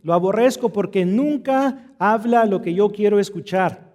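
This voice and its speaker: A man's voice: high-pitched, measured pace, darkish tone, in a large hall. A man preaching, briefly speaking as a resentful king who grudgingly admits to a prophet he hates.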